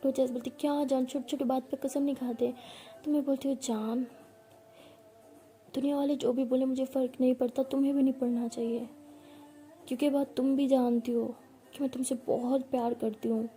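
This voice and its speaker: A woman's voice: high voice, level tone, normal speed, mellow, faint music behind. A woman narrating a first-person love story in a tender, intimate way, acting out the dialogue herself. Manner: tender, intimate, voices both partners in the story.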